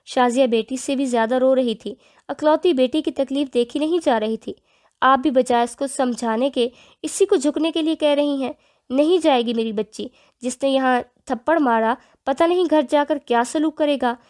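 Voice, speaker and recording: A woman's voice: high-pitched, darkish tone, lightly acted. A woman reading the part of a protective middle-aged mother in an audio novel, reproachful and emotional.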